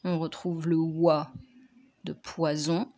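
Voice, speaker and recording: A woman teacher, slowly dictating and correcting spelling words for young pupils, articulating each word carefully. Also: sits low, level tone, dark tone. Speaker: primary school teacher.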